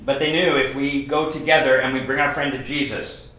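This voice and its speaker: A man preaching a sermon, telling a story in short phrases and pausing for his interpreter. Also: mid-range voice, fairly even intonation, bright, forceful tone. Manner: storytelling, pauses line by line for the interpreter. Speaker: guest pastor. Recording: very echoey church hall.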